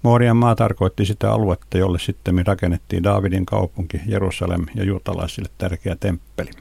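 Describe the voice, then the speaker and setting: A man giving a calm, measured devotional reading of scripture and teaching on it. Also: low voice, vocal fry, husky, no room sound. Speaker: Bible teacher.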